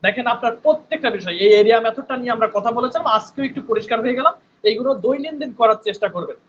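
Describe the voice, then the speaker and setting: High-voiced man teaching on a call. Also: animated, a bit bright, highs cut off, a little hiss or hum. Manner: patient, repeats sounds slowly, checks in with "right?". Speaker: spoken English teacher. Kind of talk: online class lecture. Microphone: headphones on a video call.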